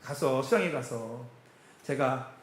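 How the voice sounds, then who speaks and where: A pastor preaching a sermon in an animated way, chuckling often and asking the congregation questions. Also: male voice, medium pitch, slow. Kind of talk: sermon with casual storytelling. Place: church sanctuary. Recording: echoey church hall.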